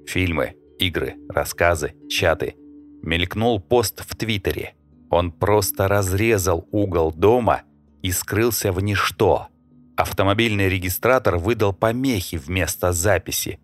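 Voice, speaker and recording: A man narrating an audiobook in an even, steady storytelling manner. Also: low voice. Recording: dry close mic, faint music.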